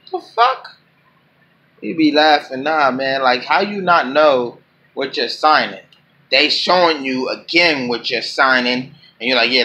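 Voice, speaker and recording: A man reacting to a video clip in a profane, animated rant. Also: on the high side, a little hiss or hum. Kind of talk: casual reaction commentary.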